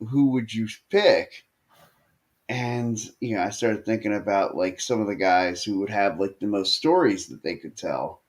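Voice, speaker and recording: A man co-hosting a casual wrestling podcast, retelling matches with lots of fillers and restarts. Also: on the low side. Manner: animated storytelling with frequent fillers and restarts. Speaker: podcast co-host.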